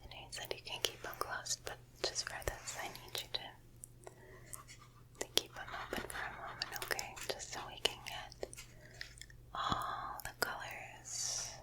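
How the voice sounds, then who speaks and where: A woman in a whispered role-play as a painter guiding a sitter, speaking gently and soothingly right in the listener's ear, lingering on and repeating words into a close binaural microphone. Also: unhurried, poor audio.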